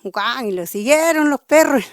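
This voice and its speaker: A woman with a Chilean accent telling a traditional folk tale aloud, halting and often restarting her phrases. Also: mid-range voice, darkish tone, dry recording, clean studio sound. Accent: Chilean Spanish. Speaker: storyteller.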